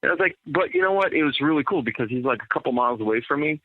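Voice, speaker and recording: A man's voice: medium pitch, expressive, rapid-fire, no echo. A man, a DJ and entrepreneur, talking casually as a podcast guest, rambling with many fillers and repeated words. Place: in Atlanta. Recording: thin phone-like sound.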